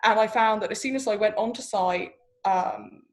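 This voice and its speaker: A woman's voice: medium pitch, moderate pace. A woman startup founder giving candid, chatty interview answers, full of fillers.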